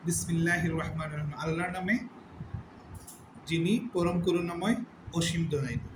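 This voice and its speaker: Male Quran teacher, slightly high voice, patient step-by-step explainer who draws out recited words; echoey room with steady background hiss. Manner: explains step by step, repeating terms and drawing out recited words slowly. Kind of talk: religious lesson on word meanings and recitation rules.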